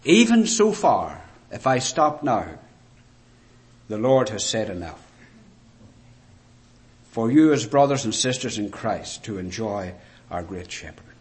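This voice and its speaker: A man with a Northern Irish Ulster accent preaching a sermon in a deliberate, rhetorical way with emphatic phrases. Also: on the low side, sing-song. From rural Ireland, Ulster.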